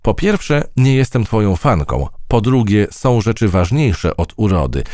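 A plucky little female mouse with an eager, earnest way of talking, her voice raised lightly above a man's low register, as a man acts her out. Her tone bounces with lively, expressive lift. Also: unhurried, no echo, clean studio sound.

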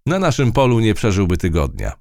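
A man's voice: on the low side, huge pitch swings, brisk, creaky, darkish tone, no room sound, studio quality, voice pushed up, heavily acted. A man voicing a tough, one-eyed female field mouse in a storybook reading, brash and scolding. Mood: bossy, mocking.

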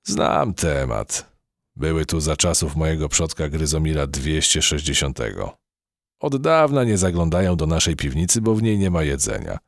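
A man voicing a thoughtful, measured male cellar rat in a storybook reading. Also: a bass voice, very animated, vocal fry, no room sound, studio quality, exaggerated voice.

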